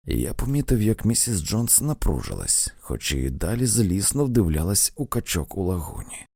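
A man narrating an audiobook in a measured literary reading style. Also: low-pitched, sing-song, vocal fry, mellow, slightly rough, no room sound, clean studio sound.

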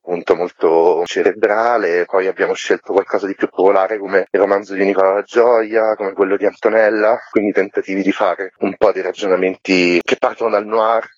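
Speaking low and level, a little fast and with hardly any pauses, a man is interviewed on the radio about the book series he curates. He's colloquial, wry and self-deprecating. There's no room sound, but the remote link is muffled and lo-fi.

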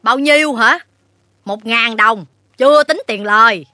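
Story character: a shrill loan-shark woman, sharp-tongued and mocking, dry close sound. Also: expressive, fast talker, dry recording. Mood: scornful. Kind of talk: audiobook story reading.

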